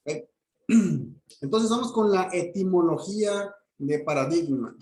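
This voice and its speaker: A man's voice: high voice, animated, slow, a little mellow, reverberant. A man, lecturing a class and checking in with "¿ok?" as he explains step by step. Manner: explanatory, frequent "¿ok?" check-ins and restarts. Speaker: teacher.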